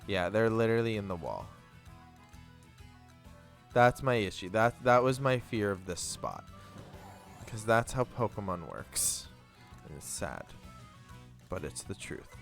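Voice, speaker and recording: A man's voice: on the low side, sing-song, a little slow, creaky, long pauses, a bit bright, faint music behind. A young man streaming a game, chatting casually and rambling through a story while swearing freely. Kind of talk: casual chat while gaming.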